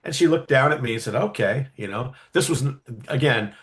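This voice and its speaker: A man telling a story casually in an interview, animated, with many fillers and quick acted-out quotes. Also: medium pitch. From California, USA. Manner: animated, acts out quoted voices, frequent fillers. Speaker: guest storyteller.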